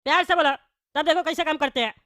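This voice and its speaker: A woman's voice: sits high, quick pace, sharp tone. A woman voicing a hot-tempered bald politician. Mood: bickering. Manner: threatening, boastful, bickering. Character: rude bald politician seat neighbor, hot-tempered bully. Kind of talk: cartoon voice acting.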